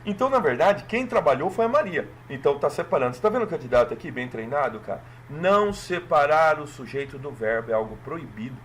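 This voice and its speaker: A man from Brazil walking through an exam in a lesson, lively and checking in with listeners often. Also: fairly high pitch, fast talker, few pauses, slight background noise. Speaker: teacher.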